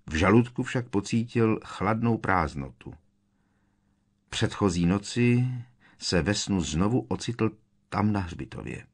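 A man narrating an audiobook in a measured storytelling way, giving each character his own voice. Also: on the low side, lively intonation.

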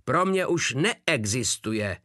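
A man's voice: mid-range voice, big pitch swings, sharp tone, no room sound, clean studio sound. A man voicing a pompous Prussian army captain who shrieks orders and loses his temper. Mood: seething. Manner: shrieking, losing control.

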